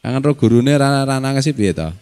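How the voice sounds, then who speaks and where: A man's voice: mid-range voice, expressive, fast, darkish tone, smooth. A middle-aged man with a Javanese accent gives a casual religious lecture, joking and laughing as he teaches and recites Arabic. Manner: jokey, laughs often, mixes local and Arabic phrases. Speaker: Islamic scholar teaching a study circle.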